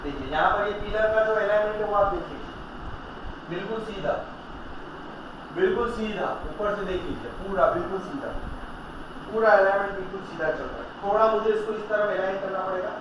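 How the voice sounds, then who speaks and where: A man shows off a laser leveler in a small tool shop, talking viewers through every step in a casual demo. His voice sits high and bounces around the room. The sound is a little dull with a faint hiss behind it. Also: brisk. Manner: explains step by step, keeps telling viewers to look. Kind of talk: casual product demonstration. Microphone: handheld camera filmed by another person. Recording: echoey room, slightly dull, faint noise.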